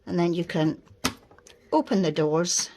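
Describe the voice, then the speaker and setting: A middle-aged Scottish woman talks through her dollhouse in a relaxed show-and-tell way, pointing out each little item and patiently spelling out details. Her voice sits a touch low for a woman. A faint hiss of background noise runs under the recording. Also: unhurried. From Scotland. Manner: patient, explains details step by step. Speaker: dollhouse owner showing her miniature house. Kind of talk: casual show-and-tell chat.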